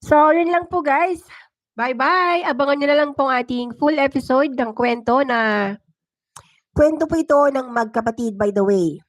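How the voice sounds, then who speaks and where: A high-sitting female voice with a Filipino accent speaks at a moderate pace, with no room sound. As a storyteller and host of a livestream channel, she delivers dramatic first-person narration and casual viewer chat.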